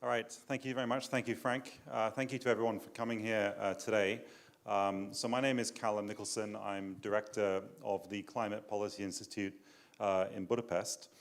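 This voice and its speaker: A middle-aged man giving opening remarks at a conference into a handheld mic, relaxed, with frequent fillers. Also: lowish voice, a little fast. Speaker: institute director, event co-host. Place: conference hall, standing.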